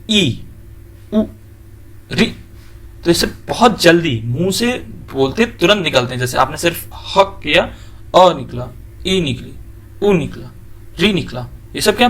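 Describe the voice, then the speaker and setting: A man giving a classroom lesson, often asking a question and then answering it himself, and drawing out example sounds slowly. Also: on the high side, fairly bright tone. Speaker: teacher.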